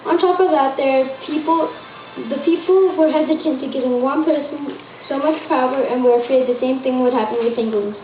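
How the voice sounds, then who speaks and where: A woman's voice: high-pitched, fairly quick, faint music behind, close to an everyday voice. A woman playing a dutiful commanding general in a school history skit, reading earnestly. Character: commanding general, later first president, dutiful. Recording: echoey room, dull, faint noise.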